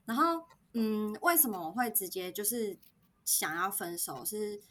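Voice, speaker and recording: Soft-spoken Taiwanese woman telling a story. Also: medium pitch, sing-song, unhurried. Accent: Taiwanese Mandarin. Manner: soft, hesitant, many fillers. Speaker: podcast co-host. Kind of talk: casual storytelling chat.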